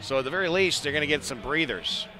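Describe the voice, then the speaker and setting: Over a rough recording of a live arena broadcast with clear background noise, an American man calls ice hockey play-by-play. His slightly high, sharp voice is animated and quick, and his conversational delivery comes in short, clipped phrases.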